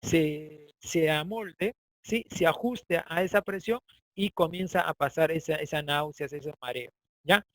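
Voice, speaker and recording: Middle-aged Peruvian male teacher, high-pitched, chatty, keeps checking in with students; dry, close recording. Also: measured pace, no room sound, poor audio. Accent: Peruvian Spanish. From Peru, Andean highlands. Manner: chatty, asks students for agreement. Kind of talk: online class lecture.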